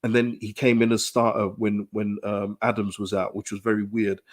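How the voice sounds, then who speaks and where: Hoarse from a dry throat, a football fan channel host gives animated live-stream commentary on his club while reading chat. His lowish voice moves at a moderate pace, emphatic, repeating phrases and often restarting.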